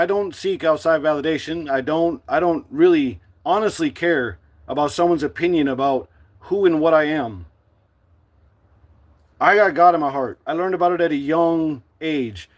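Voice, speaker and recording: A middle-aged man from the United States speaking to his livestream viewers in a forceful, defiant, preachy monologue. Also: fairly high pitch, moderate pace. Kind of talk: impassioned live-stream monologue.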